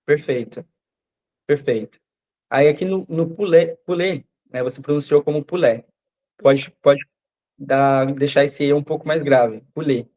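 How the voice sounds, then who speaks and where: A man teaching French in an online class. His first language is Portuguese. He explains patiently, repeats example sentences slowly and keeps asking "né?" and "tá?" to check that students follow. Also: mid-range voice, darkish tone. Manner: explains patiently, often adds "né?" and "tá?".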